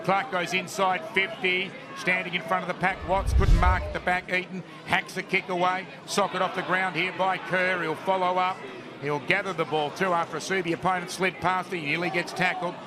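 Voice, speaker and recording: A man's voice: high-pitched, little pitch movement, fairly quick. An Australian male commentator giving a running, descriptive play-by-play of live football. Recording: crowd and noise behind live commentary. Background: crowd at outdoor ground.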